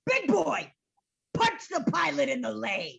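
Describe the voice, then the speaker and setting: Woman playing a creaky, sassy space-witch mother. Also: high-pitched, huge pitch swings, unhurried, fairly bright tone, exaggerated voice. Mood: bossy. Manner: brash, sardonic. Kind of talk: sci-fi spoof comedy acting.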